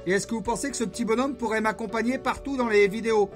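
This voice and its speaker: A man's voice: sits high, quick pace, soft background music. A man chatting casually to his viewers as a YouTuber, rambling with jokey conversational asides. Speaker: YouTuber host. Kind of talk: casual vlog chat to camera.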